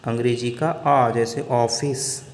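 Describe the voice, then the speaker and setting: A man teaching Hindi grammar in a slow, deliberate lesson, drawing out each example sound. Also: medium pitch, fairly even intonation. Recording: echoey room with long reverb.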